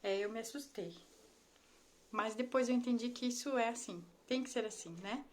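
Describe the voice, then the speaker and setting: Speaking at a normal pace in a fairly high voice, this Brazilian ThetaHealing instructor greets her Instagram live viewers by name with affection during a casual stream. Her phone or laptop mic adds a little hiss or hum.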